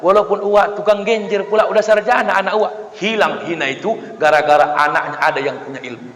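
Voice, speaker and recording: Man, comic preacher, acts out voices, bright tone, long hall reverb. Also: high voice, brisk. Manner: lively, acts out voices of villagers, jokes with the audience. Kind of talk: humorous sermon to a congregation. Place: mosque hall.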